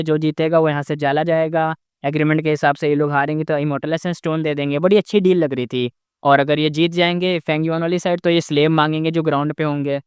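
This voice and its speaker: A man voicing a proud bird-man elder who shouts in anger and shock at being trapped. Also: fairly high pitch, clean tone, dry recording, studio quality, lightly acted.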